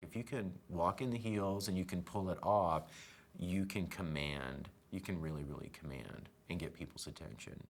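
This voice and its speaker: A man in a documentary interview talks in a measured, candid way. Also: low voice, a little hiss or hum.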